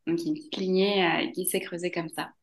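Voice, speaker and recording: A woman's voice: fairly low pitch, flat delivery, quick pace, roomy sound. A woman from Mexico, a podcast guest talking casually, hesitating with many fillers and laughing often. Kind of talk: casual interview.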